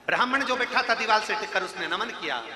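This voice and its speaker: A man telling a devotional story as a religious storyteller in a live sermon. He builds repeated lines into loud, emphatic refrains. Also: high-pitched, animated, fast talker. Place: large hall, live religious gathering. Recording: echoey hall with music behind.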